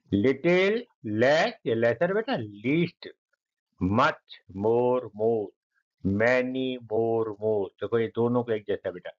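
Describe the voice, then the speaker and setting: A man teaching a grammar lesson, who keeps calling his students "beta" and repeats and spells out each word slowly. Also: medium pitch, dull audio.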